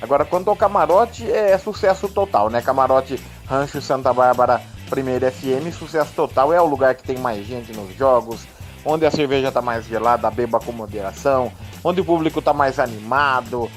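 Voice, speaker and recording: A man's voice: medium pitch, normal speed. A Brazilian man chatting casually as a panelist on a sports radio show, repeating phrases for emphasis. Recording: music clearly behind the voice.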